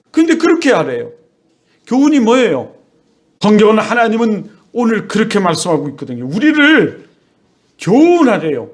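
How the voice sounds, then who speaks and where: A middle-aged man preaching a sermon as a pastor, with lively delivery that acts out children and parents. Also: sits high.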